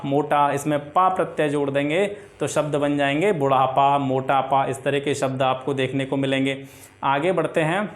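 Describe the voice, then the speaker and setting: Hindi teacher rattling off grammar examples. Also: male voice, on the high side. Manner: explains by listing examples, often asking and answering his own questions; often adds filler checks like "theek hai". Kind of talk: exam-prep grammar lesson.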